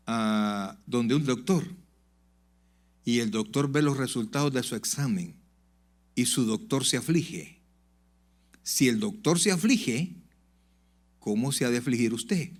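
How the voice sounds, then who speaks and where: A man preaching a sermon to his congregation, swinging from loud emphatic peaks to low confiding asides and calling out "brother" to the listeners. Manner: addresses the congregation directly, "brother". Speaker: pastor. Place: church sanctuary.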